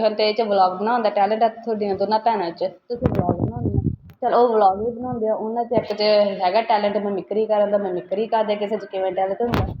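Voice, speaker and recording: A woman's voice: medium pitch, dull audio, noisy background. A woman, hosting a roast video and lecturing vloggers in a scolding way. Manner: scolding, lecturing, rapid-fire. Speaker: roast channel host.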